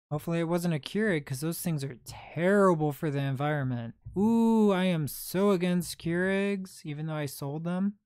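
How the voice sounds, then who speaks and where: A man in his late twenties hosts a relaxed livestream, talking easily and answering viewer comments one after another. His voice is smooth and clear. The sound is dry and close, with no room echo. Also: fairly high pitch. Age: 20s. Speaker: livestream host and reseller. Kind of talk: casual livestream chat.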